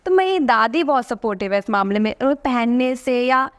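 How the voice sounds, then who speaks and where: A woman's voice: fairly high pitch, animated, fairly quick. A young woman in her early twenties, a model and influencer, chatting confidently as a podcast guest and mixing English into her talk. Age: 20s. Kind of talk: casual interview chat.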